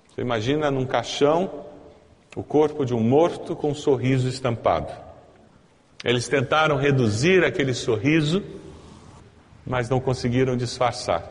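A man's voice: mid-range voice, in a large hall. A Brazilian man preaching a sermon as pastor, building to emphatic peaks and asking the congregation rhetorical questions. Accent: Brazilian Portuguese.

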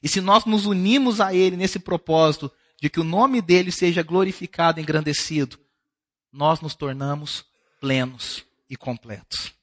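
A man's voice: on the high side, moderate pace, a bit bright. A male pastor preaching a sermon at a church service, talking to the congregation in a conversational way and asking them questions.

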